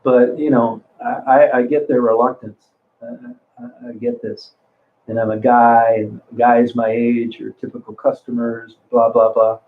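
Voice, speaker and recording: Level in tone and measured in pace, a mid-range male voice comes from a host in his sixties reading chat on a casual livestream. He wanders off topic, swears often and restarts his sentences, and the recording has a phone-like narrowness.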